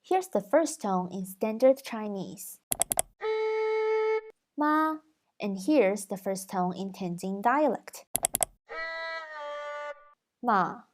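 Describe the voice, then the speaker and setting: A woman hosts an educational video, reading a scripted explanation at a steady middle pitch. She talks clearly and carefully, sounding out example syllables to show the tones. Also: a little slow, hardly any pauses. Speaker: language video host.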